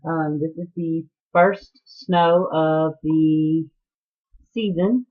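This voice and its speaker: A woman's voice: low-pitched, very slow, husky. A Southern woman with a Georgia accent chats her way through a homey podcast, taking her time over every sentence. She rambles from one thing to the next and laughs often. The sound is thin and tinny, like a phone line. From Atlanta, Georgia. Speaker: podcast host. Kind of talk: casual video podcast chat.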